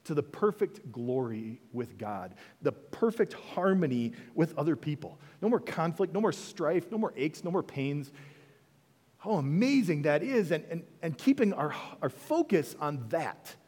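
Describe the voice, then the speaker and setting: A male pastor preaching in a chatty, questioning way, his fairly high voice swinging lively up and down. A long church reverb hangs on every phrase. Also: unhurried. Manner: conversational preaching, rhetorical questions, dips soft then rises. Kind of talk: sermon.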